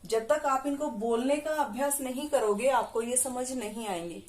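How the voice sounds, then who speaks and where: A woman's voice: high-pitched, moderate pace, darkish tone, roomy sound. A woman teaching a primary school lesson, patiently drawing out syllables and asking the children questions. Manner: patient, stretches out syllables and quizzes the listener. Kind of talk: classroom lesson.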